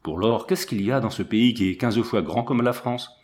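A man's voice: fairly low pitch, moderate pace, a little mellow, lightly acted. A man reading a wary, earthy young soldier. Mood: skeptical. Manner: plain-spoken, drily skeptical. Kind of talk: audiobook character reading.

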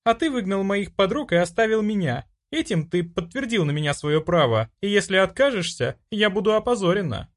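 Man voicing a young woman, high voice, lively pitch, bossy, self-assured, audiobook figure. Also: a little fast, few pauses. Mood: haughty. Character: brash young woman, priest's daughter.

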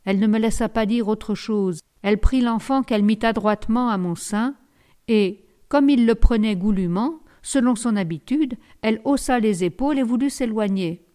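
A woman narrating a novel in the first person as an audiobook, in a measured, sober way. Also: a little high, dark tone.

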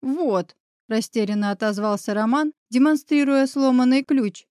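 A woman narrating a novel in the first person with steady, even storytelling. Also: a little high, normal speed, dry recording, studio quality. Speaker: audiobook narrator.

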